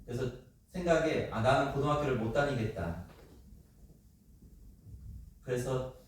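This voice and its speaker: A middle-aged man preaching a sermon as pastor, animated, asking the congregation questions and acting out voices. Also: medium pitch, unhurried, recorded from a distance. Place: church sanctuary. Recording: echoey church hall, speaker away from the mic.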